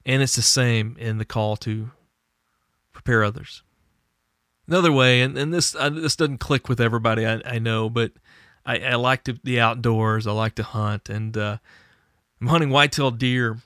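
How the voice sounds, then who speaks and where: A man's voice: mid-range voice, fairly bright tone, clear, resonant tone, no room sound. Earnest man on a dry close mic. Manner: earnest, conversational, with small restarts. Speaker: podcast host and former pastor. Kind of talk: reflective podcast monologue.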